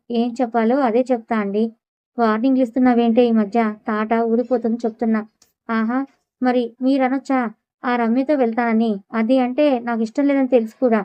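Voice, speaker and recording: A woman's voice: a little high, dry recording, highs cut off. A woman narrating a serialized audio story, voicing the dialogue of all characters in her own voice.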